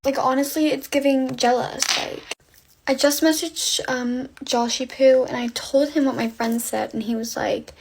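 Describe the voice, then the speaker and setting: Brief: young woman, GRWM storytime, bright high voice, breathless "like"-laden gushing. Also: steady tone, moderate pace, creaky, slightly rough, rough recording. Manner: gushing, filler-heavy valley-girl chatter. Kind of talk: get-ready-with-me storytime.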